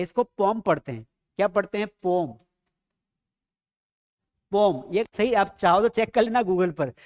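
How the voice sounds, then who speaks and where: A man with an Indian English accent leads a classroom lesson. His voice sits high and sounds smooth and clear, and he keeps quizzing his students with repeated questions. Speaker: English teacher.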